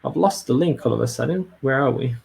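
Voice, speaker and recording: Gravelly and darkish in tone, with a medium pitch, this man talks fast while hosting a live webinar in Brisbane. He's casual and hesitant throughout the live-stream talk, with lots of fillers and restarts.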